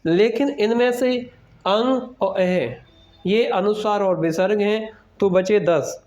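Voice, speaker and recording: A man's voice: sits high, slow pace, darkish tone. A male teacher giving a children's alphabet lesson, asking a question and answering it himself, repeating each sound. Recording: dull lo-fi recording.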